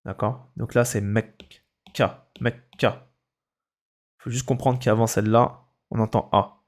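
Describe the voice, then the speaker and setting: Very slow, patient male teacher. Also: fairly low pitch. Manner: repeats each word slowly, breaking it into syllables; patient, instructive. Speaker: Arabic teacher. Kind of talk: dictation lesson.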